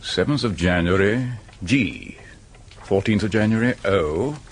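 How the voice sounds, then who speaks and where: An actor playing a dry, steady police chief inspector in a radio drama, with an English accent and a measured, sceptical manner. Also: male voice, sits low, a little hiss or hum. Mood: dry, puzzled. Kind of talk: BBC radio drama acting.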